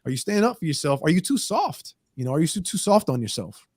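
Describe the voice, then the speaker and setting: A man's voice: on the high side, very animated, fast, a little mellow, husky, dry recording, studio quality. A man giving an earnest, emphatic motivational talk on a talk show, pushing his voice up for emphasis. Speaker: guest segment presenter.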